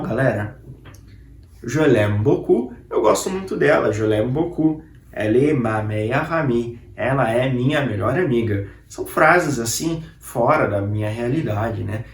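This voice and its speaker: Chatty man teaching in an echoey room. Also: medium pitch. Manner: chatty, repeats words slowly for the viewer to copy. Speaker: French teacher. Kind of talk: casual online language lesson.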